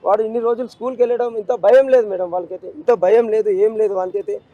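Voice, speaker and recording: A man's voice: high voice, fairly even intonation, fast, lo-fi sound. A middle-aged grieving father, speaking in an emotional street interview, pleading and repeating himself. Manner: grief-stricken, repetitive, pleading.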